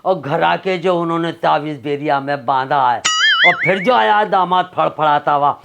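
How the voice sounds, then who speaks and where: A man's voice: moderate pace, gravelly, lo-fi sound. A man with a Haryanvi accent, doing comic sketch monologue as Jamila, a gossiping, scolding middle-aged housewife. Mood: gossipy. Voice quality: high-pitched, scolding, chatty. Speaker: comedian playing Jamila Aapa. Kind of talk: sketch comedy monologue in a put-on woman's voice. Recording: loud background music.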